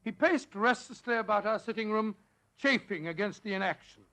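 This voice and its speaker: A man's voice: high-pitched, normal speed, sharp tone. An actor playing a genial elderly English doctor in 1940s radio drama, avuncular, repeating his phrases a little hesitantly. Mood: grave storytelling. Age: older. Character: genial elderly doctor, detective's loyal companion and storyteller.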